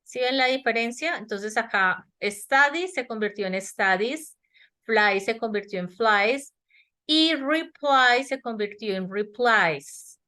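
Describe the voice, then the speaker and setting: This online English grammar teacher has a slightly high, expressive voice with a sharp tone. She speaks Latin American-accented Spanish slowly, explaining points and repeatedly asking if students understand, captured via a webinar headset or laptop mic.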